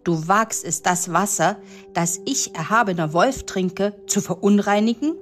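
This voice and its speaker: A woman's voice: medium pitch, a little slow, soft background music, natural voice. A woman voicing a pompous, furious old male wolf who is president of the wolves, ranting haughtily in a storybook tale. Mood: indignant.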